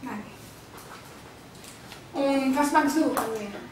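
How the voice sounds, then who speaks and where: Slow, careful woman learner. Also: high voice, slight background noise. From Barcelona, Spain. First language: Spanish and Catalan. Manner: careful, hesitant beginner phrasing. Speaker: German language student. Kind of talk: scripted classroom role-play dialogue. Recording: echoey classroom, far from mic.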